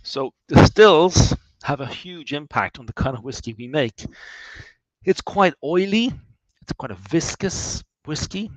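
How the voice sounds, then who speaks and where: A man with an Irish accent leading a guided tour of his distillery. He talks in a chatty, animated way, with wry asides and frequent restarts. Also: a little high, a little slow, dry recording, low-quality recording. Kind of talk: guided tour talk, answering questions.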